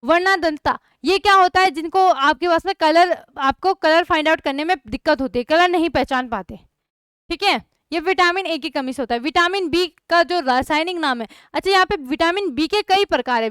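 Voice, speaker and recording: Young woman chemistry tutor, high bright pitch, dry close sound, quizzes the class. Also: no room sound. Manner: repeats questions to students, checks understanding often. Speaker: chemistry teacher. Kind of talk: online class lesson.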